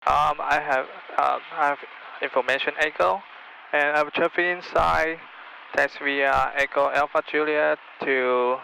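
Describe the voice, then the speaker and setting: Halting, creaky-voiced man on cockpit radio. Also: fairly high pitch, fairly even intonation, sharp tone. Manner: halting, hesitant. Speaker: student pilot on first solo cross-country flight. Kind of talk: aviation radio communication with ground control. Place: inside a small Cessna cockpit. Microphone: aviation headset. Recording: noisy aircraft cockpit radio.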